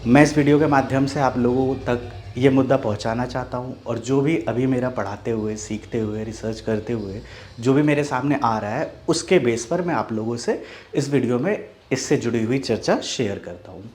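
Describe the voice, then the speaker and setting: A man's voice: mid-range voice, a little mellow, a little hiss or hum. Man teaching Hindi pronunciation. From Mithila region, India. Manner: explains step by step, often asks "do you follow?" and repeats "ठीक है"; says example sounds and words slowly and repeats them. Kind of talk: online video lesson.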